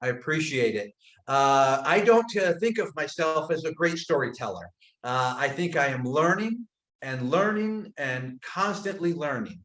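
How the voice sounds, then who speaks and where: A man from upstate New York, a guest storyteller talking in a thoughtful, unhurried way, with many "uh" pauses and soft phrase ends. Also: a little high, lively intonation, echoey room, rough recording. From upstate New York, United States. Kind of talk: casual storytelling talk on a webinar. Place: indoors, abroad in Croatia.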